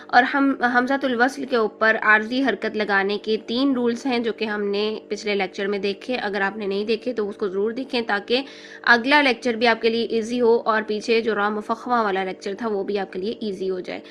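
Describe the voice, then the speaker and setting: A woman's voice: on the high side, fairly even intonation, a bit bright, a little hiss or hum. A woman teaching Quran recitation rules in an online lecture, explaining step by step and checking in with listeners.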